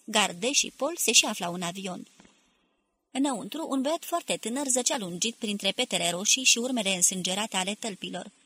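A woman narrating a novel as an audiobook, lifting her voice for the characters' shouts. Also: mid-range voice, breathy edge. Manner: lively, raising her voice for quoted shouts.

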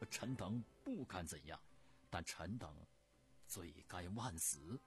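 A male storyteller voicing a principled court minister who argues in measured, drawn-out, dogged speech. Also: low-pitched, expressive, soft background music. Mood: resolute.

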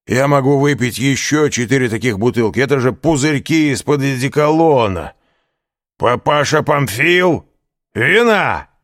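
A man voicing a loud, drunken, boastful middle-aged man in a tavern, talking in a slurring, mocking way. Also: mid-range voice, expressive, measured pace, no echo, studio quality, voice pushed up. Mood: indignant boasting.

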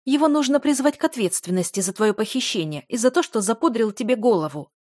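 A woman reading an audiobook, voicing an imperious noble mother who scolds and insists in a raised, high voice. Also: expressive, fast, a little mellow, no room sound, studio quality. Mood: scolding.

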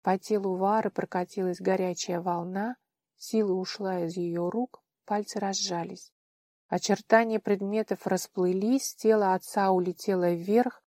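A woman narrating an audiobook in an expressive, measured manner. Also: mid-range voice, dry recording, clean studio sound. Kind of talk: scripted narration.

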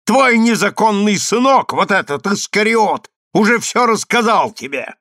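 A man voicing a defiant, spiteful young woman who shouts her scorn in a shrill voice. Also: animated, a little slow, no room sound, studio quality.

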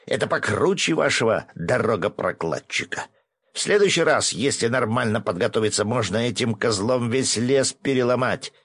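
A man voicing a shaggy one-eyed male forest keeper spirit who shouts and cackles excitably. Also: mid-range voice, slow pace, hardly any pauses, no room sound, voice pushed up, exaggerated voice. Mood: gleeful shouting.

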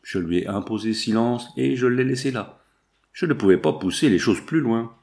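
A man's voice: medium pitch, lively intonation, normal speed, a little mellow, natural voice. A man voicing a stern aristocratic father in an audiobook, firm and indignant as he lectures his daughter. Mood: lecturing. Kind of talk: audiobook character voice.

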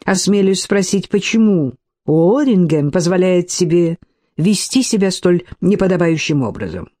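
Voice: medium pitch, lively intonation, moderate pace, warm tone, natural voice. A reader voicing a proud, hot-tempered young aristocrat who speaks curtly and flares up. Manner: curt, seething, rising to outbursts.

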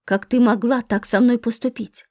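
A woman's voice: a little high, steady tone, moderate pace, natural voice. A woman voicing a furious accusing husband. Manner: shouting, accusing. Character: furious bitter husband, adult man.

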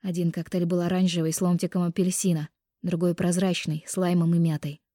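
Woman narrating a romance audiobook, mellow. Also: fairly low pitch, level tone, brisk, no echo, studio quality.

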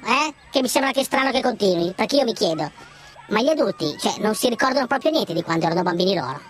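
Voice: medium pitch, lively intonation, fast, lightly acted. An adult voicing an earnest, know-it-all little boy in a comic radio sketch who lectures grown-ups in an indignant, fussy way. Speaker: child character in a radio comedy sketch.

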